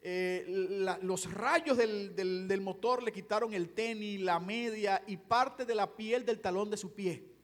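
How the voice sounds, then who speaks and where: A man in his forties delivers a sermon with a strikingly high voice. He moves between hushed storytelling and fervent preaching. The long reverb of a church hall trails after his words. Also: takes it slowly. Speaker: pastor. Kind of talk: evangelistic sermon. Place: church sanctuary.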